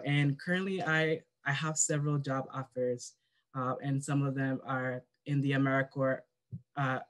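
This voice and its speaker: A man's voice: medium pitch, a bit bright. A young man speaking as a student on a panel over a video call, hesitant, with many fillers and restarts. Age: young adult.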